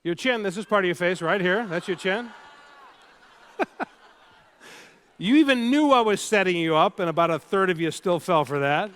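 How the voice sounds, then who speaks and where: This keynote speaker is a man with a high voice who talks at normal speed but pauses often. Animated, he tells a story and leads the live audience in drills in a large hall.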